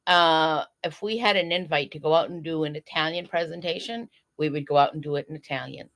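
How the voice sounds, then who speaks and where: Earnest woman giving advice, low voice. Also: steady tone, brisk, fairly bright tone. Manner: earnest, advising listeners. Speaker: guest program director. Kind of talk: casual podcast interview.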